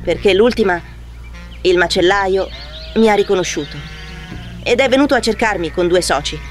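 A woman's voice: medium pitch, moderate pace, soft background music, lightly acted. Cheeky delinquent shepherd boy , voiced by a woman. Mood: matter-of-fact. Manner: cheeky, crude. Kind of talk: parody cartoon dub.

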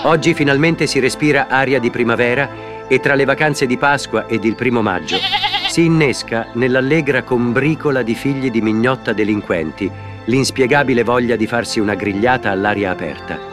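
A man's voice: medium pitch, normal speed. Male parody narrator over prominent music. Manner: mock-formal wording mixed with swearing. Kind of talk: scripted comic parody narration.

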